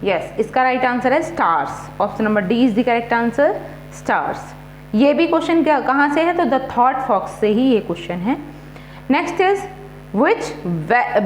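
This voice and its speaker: Slow, high-voiced woman teacher. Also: reverberant, a little hiss or hum. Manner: poses questions, repeats options slowly, then gives the answer. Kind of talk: exam prep quiz lesson.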